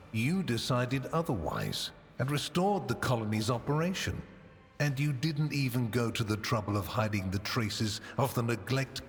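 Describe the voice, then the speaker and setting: An actor playing a cold, pious, accusing Lord Inquisitor in a video game, speaking with soft, insinuating menace. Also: male voice, lowish voice. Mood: grave, accusing. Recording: long reverb, music behind.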